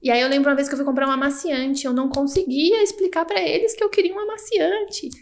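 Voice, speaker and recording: A woman from Brazil, a guest doctor recounting her past in a casual interview, animated and acting out what people said, with frequent tag questions. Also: high-pitched, fast talker.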